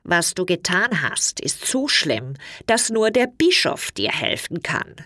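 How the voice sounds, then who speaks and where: A woman's voice: lowish voice, very animated, slow pace, sharp tone, dry recording, clean studio sound, exaggerated voice. Woman doing a grave old churchman. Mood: solemn. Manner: solemn, sorrowful. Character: grave old churchmen, priest, bishop and pope.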